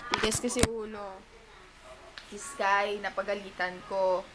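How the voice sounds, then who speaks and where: A woman's voice: mid-range voice, little pitch movement, a little slow, a bit bright, slight background noise, rough recording. A young woman vlogging as a first-time mother, cooing baby talk to her toddler and then chatting frankly to the camera at home. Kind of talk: casual home vlog chat.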